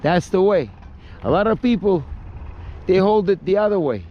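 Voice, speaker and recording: A paddleboarding vlogger chats casually out on the water, his Russian accent touched by Brooklyn. He speaks slowly and thoughtfully, restarting often, in a high, expressive voice. The recording is muffled with a little hiss or hum.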